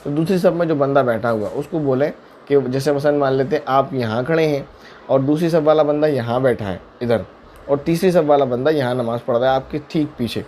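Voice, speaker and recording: A man's voice: mid-range voice, darkish tone, a little hiss or hum. Man patiently explaining religious rulings. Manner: patient, explains step by step with worked examples. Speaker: mufti answering viewer questions. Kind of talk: religious Q&A lesson.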